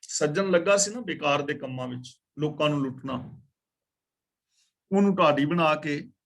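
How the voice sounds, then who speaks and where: A man teaching a scripture class, reciting verses slowly and then explaining them in plain talk. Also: a little high, a bit bright. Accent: Punjabi. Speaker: katha teacher.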